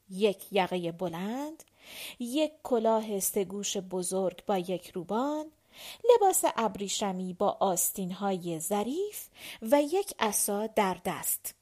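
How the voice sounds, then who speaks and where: A woman narrating an audiobook in a measured, even storytelling manner. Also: fairly high pitch. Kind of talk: scripted narration.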